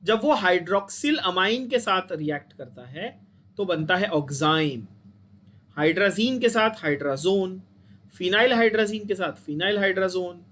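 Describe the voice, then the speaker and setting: High-voiced Indian chemistry teacher lecturing. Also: male voice, fairly bright tone, slight background noise. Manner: explains step by step, checks in with students often. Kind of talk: classroom lecture.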